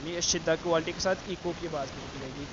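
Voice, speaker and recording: A man teaching Quran letter pronunciation, explaining slowly with many fillers and repeating the letter sounds to demonstrate. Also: on the high side, muffled recording, background noise. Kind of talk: tajweed lesson with demonstrations.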